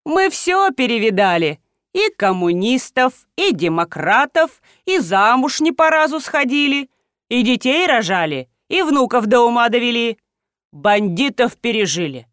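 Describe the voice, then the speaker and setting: A woman's voice: a little high, big pitch swings, measured pace, fairly bright tone, clean tone, no room sound, studio quality. A woman voicing a blunt, fearless old village woman who talks down dismissively.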